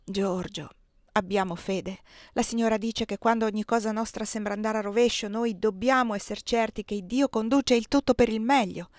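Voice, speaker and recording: A woman reading the part of a gentle, devout young wife who pleads softly with her husband, recorded dry and close. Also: a little high, fairly even intonation, normal speed, dry recording, lightly acted. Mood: pleading, fearful.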